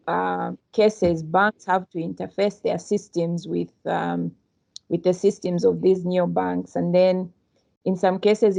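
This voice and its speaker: Brief: woman from Zambia, seminar questioner on a video call, gravelly low voice, mellow tone, polite and measured. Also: rough recording. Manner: polite, measured, elaborating at length. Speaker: audience member asking a question.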